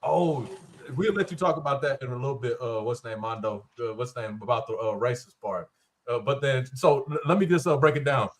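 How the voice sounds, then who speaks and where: A man hosting a heated live panel discussion, arguing fast and cutting in on others. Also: medium pitch, lively intonation. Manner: argumentative, fast interjecting. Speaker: podcast host.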